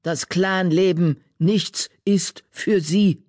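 A man voicing a wise old female badger seer who speaks slowly in broken, oddly ordered sentences. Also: high-pitched, dry recording, studio quality. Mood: calm. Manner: slow, broken word order, calm.

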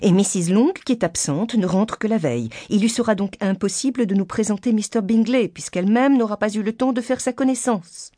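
A woman reading an audiobook, voicing a nervous, easily vexed middle-aged mother with a shrill, complaining voice. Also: a little fast, few pauses, no echo, clean studio sound, natural voice. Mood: exasperated. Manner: shrill complaining, high excited pitch.

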